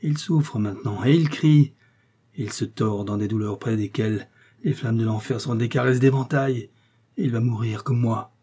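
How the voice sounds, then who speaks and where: A man's voice: mid-range voice, normal speed, slightly rough. A man voicing a dying, vengeful male criminal who rants and gloats in triumph. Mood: gloating. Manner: shouting, triumphant ranting.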